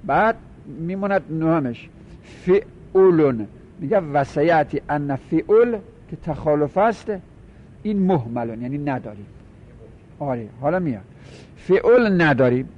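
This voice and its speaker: A man teaching a class on Arabic word patterns, explaining step by step, repeating terms and asking students quick questions. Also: a little high, expressive, darkish tone, a little hiss or hum. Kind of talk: classroom lecture, explaining and counting forms. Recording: muffled lo-fi recording.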